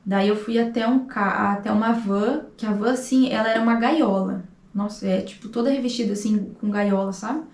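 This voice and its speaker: A woman's voice: mid-range voice, normal speed, few pauses, a little mellow. A woman in her thirties with a Brazilian Portuguese accent, telling a personal story with emotion and acting out the dialogue. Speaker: vlogger. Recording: echoey room, distant mic.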